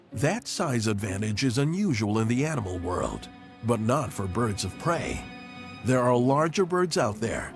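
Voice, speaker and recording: A man reading scripted nature documentary narration with measured, dramatic phrasing. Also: mid-range voice. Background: background music.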